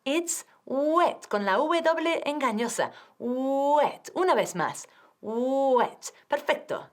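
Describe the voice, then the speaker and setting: A woman with a Spanish accent teaching English on TV, speaking slowly and clearly and drilling words. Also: high voice, lively intonation. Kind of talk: TV English lesson.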